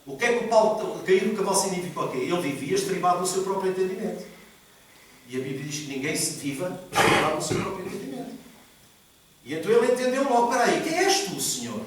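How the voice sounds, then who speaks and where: Pastor preaching, high voice, repeats stuff and asks the crowd questions, very echoey, mic far off. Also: male voice, expressive, fast, slight background noise. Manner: emphatic preaching, repeats phrases, questions the congregation. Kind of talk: sermon. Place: church hall. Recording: echoey church hall from far off.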